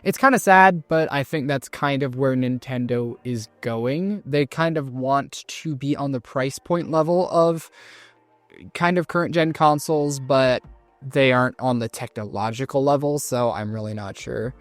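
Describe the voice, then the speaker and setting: A man's voice: medium pitch, unhurried, a bit bright, no room sound, soft background music. A man in a casual chat, speculating and explaining his reasoning at length.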